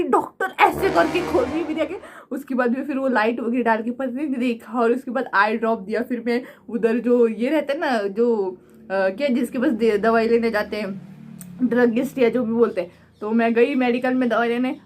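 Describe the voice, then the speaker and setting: Animated high-pitched young woman vlogger. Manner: animated, dramatic, laughing storyteller. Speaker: craft vlogger. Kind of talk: casual storytelling vlog.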